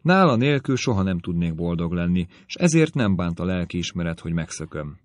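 A man voicing a giddy, reckless teenage girl in an audiobook, reading slowly and teasingly. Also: low-pitched, very animated, no room sound.

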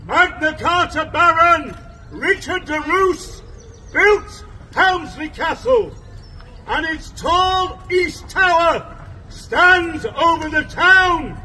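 A man delivers a town crier's proclamation in the open air, declaiming like a herald. His voice is pitched extremely high and is piercingly forceful, with every phrase stretched out very slowly and ceremonially. He is recorded from a few metres away. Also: lively intonation. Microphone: camera phone several metres away. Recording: outdoor phone recording from a distance, background noise.

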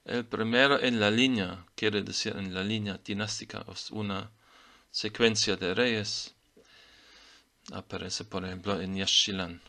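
A man, German by first language, gives a patient lesson and reads out each sign with deliberate care. He talks at an unhurried pace, and his voice has a clear, bright edge. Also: on the low side, fairly even intonation. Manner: slow, deliberate reading of glyph names. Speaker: teacher of Maya writing. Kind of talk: explanatory lesson.

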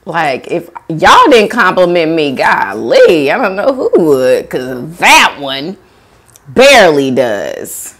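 A woman's voice: sits low, sing-song, slow pace, a bit bright. A young woman hosting a mukbang, chatting casually while she eats and giggling as she reads out viewer comments. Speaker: mukbang host. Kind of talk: casual chat while eating on camera.

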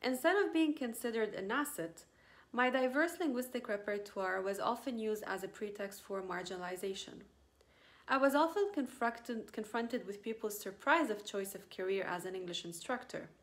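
A woman's voice: mid-range voice, moderate pace. A woman, her Arabic, presenting her doctoral research in a careful, formal recited way, recorded on a phone camera at arm's length in a small indoor room. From Lebanon. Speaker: PhD student.

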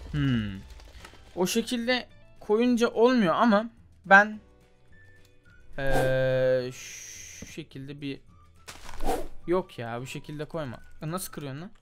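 Young male gaming host, slightly high voice, loose muttering commentary over soft game music. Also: expressive, slow, long pauses. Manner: chatty, mutters while trying, calls viewers "abi" and "gençler". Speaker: gaming YouTuber. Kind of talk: casual gameplay commentary.

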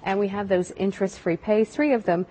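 A woman hosting a live home shopping show, giving a conversational sales pitch in a TV studio. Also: a little fast, warm tone, breathy edge, low-quality recording.

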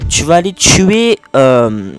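A man with a French accent giving a casual, rambling gameplay tutorial, talking fast and swearing constantly. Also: a little high, big pitch swings, faint music behind. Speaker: gaming video host.

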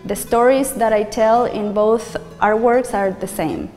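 With soft music behind her in a large hall, this woman's fairly high voice stays fairly even, unhurried and darkish in tone. She is a visual artist in her forties from Argentina, Spanish her first language, giving an earnest, reflective gallery talk to camera about her work. The setting is a large, bright indoor art gallery, and she gestures as she speaks.

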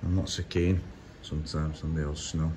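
A British mechanic in his forties from the United Kingdom films a casual vlog on a phone held at arm's length inside a noisy car workshop. His male voice is extremely low, level in tone, mellow, and moderately paced. He's blunt and chatty, rambling along with fillers.

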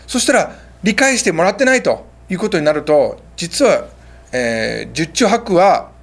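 A man hosting a casual English lesson, chatty, slowing down for English phrases. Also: high-pitched. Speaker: English teacher and show host.

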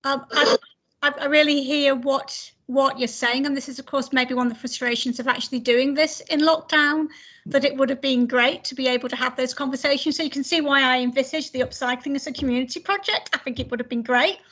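High-voiced woman on a video call. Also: steady tone, brisk, a bit bright. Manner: hesitant, many restarts and fillers. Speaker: speaker answering questions after her talk. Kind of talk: casual academic Q&A.

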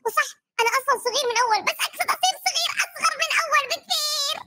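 A performer voicing a mischievous tiny boy who sneaks around to steal, squeaky and chattering to himself. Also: racing, background noise. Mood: gleeful. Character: mischievous tiny boy Mario, greedy thief. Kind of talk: game animation voice acting.

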